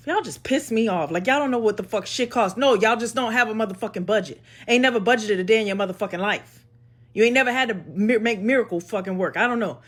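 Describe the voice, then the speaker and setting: A woman with a slightly high voice delivers an angry rant. She swears freely and lectures with heavy sarcasm. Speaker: social media poster.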